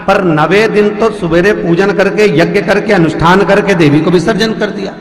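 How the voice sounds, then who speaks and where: A man's voice: sits high, normal speed. A man giving a devotional sermon, asking the audience questions and counting off the days one by one. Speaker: religious storyteller preacher. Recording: echoey hall with music behind.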